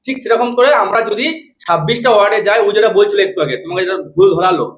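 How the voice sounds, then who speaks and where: A male teacher trainer giving quick, corrective feedback on a trainee's demo lesson. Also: sits high, highs cut off. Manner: rapid, corrective. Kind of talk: spoken feedback on a demo class. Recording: echoey room.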